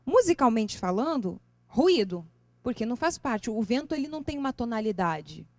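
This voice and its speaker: A Brazilian woman lecturing to a live audience on music and spirituality, animated and expressive, asking her listeners question after question. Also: moderate pace, no echo. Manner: lively, expressive intonation with sudden leaps in pitch. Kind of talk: seminar talk to a live audience. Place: lecture venue.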